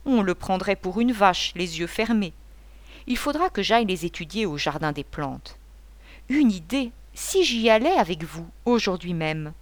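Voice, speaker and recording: A woman's voice: medium pitch, animated, unhurried, dry recording, close to an everyday voice. Woman doing a rambling bossy male painter. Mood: chattering, bossy. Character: boisterous talkative middle-aged male painter.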